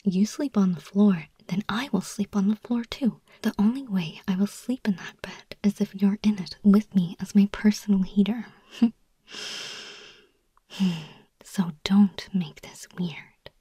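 Slow breathy whisper, close and dry: woman voicing an anxious, self-deprecating young woman pleading softly, ASMR roleplay. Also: medium pitch, no echo. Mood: earnest, persuasive. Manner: soft, confiding, pleading.

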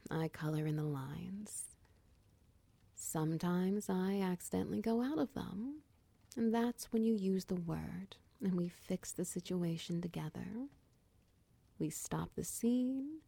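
A woman playing a tender, protective girlfriend in a whispered comfort roleplay, talking softly and reassuringly, close to the mic. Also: fairly low pitch, gravelly, no room sound, exaggerated voice. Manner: soft, slow, reassuring, half-whispered. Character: tender protective dominant girlfriend, doting and patient. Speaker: audio roleplay performer.

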